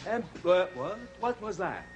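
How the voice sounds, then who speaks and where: Pompous, melodramatic vampire count, high-voiced. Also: male voice, big pitch swings, unhurried, dull audio, crowd noise. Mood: exasperated, bossy. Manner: melodramatic, bossy, swinging from whine to command. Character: pompous, exasperated vampire count, childish and bossy. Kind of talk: children's TV comedy sketch. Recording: faintly noisy vintage TV soundtrack.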